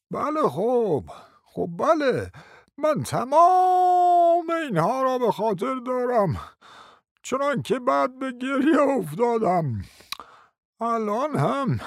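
A man's voice: very high-pitched, no echo, clean studio sound, heavily acted. An actor playing a confused, forgetful old prince in a radio play, stammering and repeating his fillers. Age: older.

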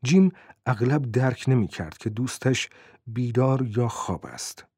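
A man narrating a novel in steady, measured scripted reading. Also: mid-range voice, slightly rough, dry recording, studio quality.

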